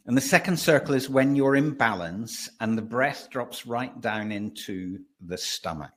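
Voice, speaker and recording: A voice and presence coach appears as a webinar guest, explaining breathing and voice. He speaks animatedly, often restarts, and slows down to stress his points, with a medium-pitched, expressive voice.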